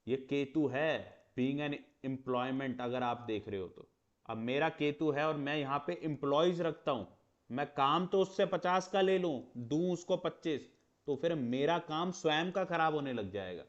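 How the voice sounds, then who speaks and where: Speaking a little slowly in a voice on the high side, a man teaches astrology in Hindi with English terms, conversationally acting out small exchanges and asking rhetorical questions. The recording sounds muffled.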